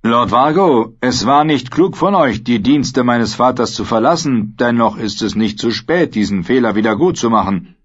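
A man's voice: mid-range voice, lively intonation, normal speed, husky, lo-fi sound, voice pushed up. A man voicing a scornful, sardonic captive knight who mocks the people around him in an audiobook. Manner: sardonic, mocking. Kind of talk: audiobook character voice.

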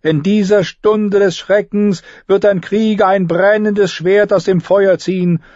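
A man reading an audiobook, voicing a fervent female red priestess who declaims prophecies slowly and grandly. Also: high-pitched, fairly even intonation, a little mellow, no room sound, dull audio, voice pushed up. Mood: exalted prophecy. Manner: exalted, slow, declaiming.

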